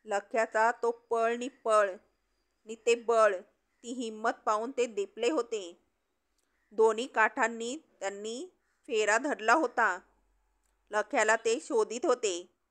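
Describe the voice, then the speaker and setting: A woman narrating a dramatic story in a slow, deliberate storytelling manner. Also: on the high side, a bit bright.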